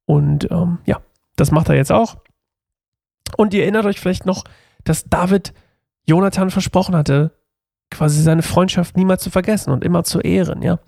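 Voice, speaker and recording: A man's voice: sits high, normal speed, gravelly, long pauses, darkish tone, no room sound, clean studio sound. A man reading a Bible passage and casually explaining it, rambling with many fillers and restarts. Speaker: Bible study teacher.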